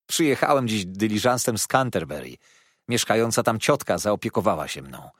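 A man reading the part of an earnest, sentimental young man fresh out of school, eager and effusive, with a husky voice. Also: on the low side, animated, moderate pace, a bit bright, no room sound, clean studio sound. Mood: eager, moved. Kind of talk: audiobook reading.

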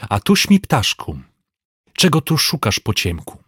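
A loud, shrill old servant cries out in shrill dismay, as a male narrator puts him on. His voice jumps far above the narrator's own low pitch and stays forceful. The reading sounds dry and close. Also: lively intonation, normal speed, slightly rough, dry recording. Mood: gruff, suspicious. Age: older. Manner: loud, exclaiming, high-pitched. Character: elderly male servant, startled, then tearful and pleading.

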